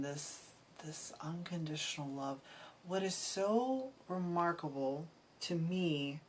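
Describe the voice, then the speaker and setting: A woman giving an intuitive tarot reading, musing aloud in a halting way, often restarting her sentences and sometimes getting emotional. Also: sits low. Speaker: tarot reader.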